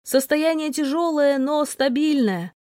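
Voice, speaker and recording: A middle-aged woman doctor speaks on the phone in a brisk, reassuring manner, voiced by a woman reading a story. Her voice sits fairly high. The recording is close and dry, with no room sound. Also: a little mellow, no room sound.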